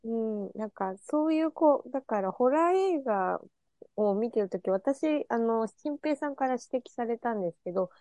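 A soft-spoken woman taking part in a reflective discussion, agreeing and sharing her thoughts. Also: a little high, expressive, moderate pace, dry recording. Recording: dull lo-fi dry sound.

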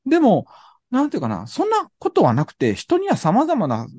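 Kansai man, lively rising-and-falling pitch, dry close sound, ponders as he talks. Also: moderate pace, no room sound. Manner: thoughtful, searching for words. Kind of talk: reflective discussion.

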